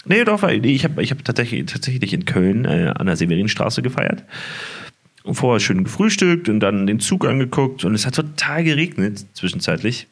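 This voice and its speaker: Hungover man chatting, husky voice. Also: medium pitch, big pitch swings, a little fast. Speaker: podcast co-host. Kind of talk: casual chat.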